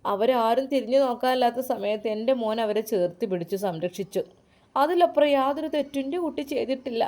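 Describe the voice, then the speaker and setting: A woman's voice: a little fast, close to an everyday voice. A woman voicing an elderly, grieving mother who pleads through tears. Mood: tearful pleading. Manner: sobbing, softer and lower than the narration. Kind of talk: storytelling with acted dialogue.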